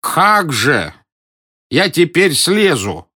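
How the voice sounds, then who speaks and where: A man's voice: medium pitch, big pitch swings, moderate pace, a bit bright, voice pushed up. A man playing a timid, pedantic elderly male professor in an audiobook, whining and indignant. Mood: fussy, whiny. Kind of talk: audiobook character voice.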